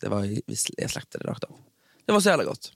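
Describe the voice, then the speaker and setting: A man's voice: fairly low pitch, sing-song, creaky, no echo, studio quality. A man co-hosting a casual podcast who teases his co-host and jokes in slangy banter. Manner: teasing, joking banter with slang.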